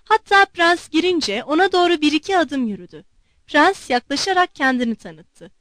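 A woman narrating a classic novel as an audiobook, clear and measured. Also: high voice, expressive, fairly bright tone, no room sound. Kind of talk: scripted narration.

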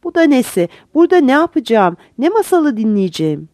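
A young fir tree in a storybook, naive and restless, musing to itself with a wistful, lively lilt, as a woman narrator puts it on. The voice is mellow and warm, close and dry. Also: sits high, a little fast, no room sound, voice pushed up. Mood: bewildered.

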